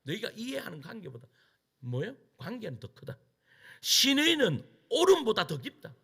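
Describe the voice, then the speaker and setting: A middle-aged pastor preaches emphatically, pressing his congregation with rhetorical questions that he answers himself, amid call-and-response. His high voice swings hugely in pitch at a moderate pace, sounding creaky, husky, pushed and bright.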